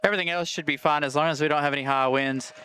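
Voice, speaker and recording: A man's voice: fairly high pitch, fairly even intonation, racing, bright, forceful tone. A man hosting a plane spotting livestream with casual, conversational live commentary. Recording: faint ambient noise.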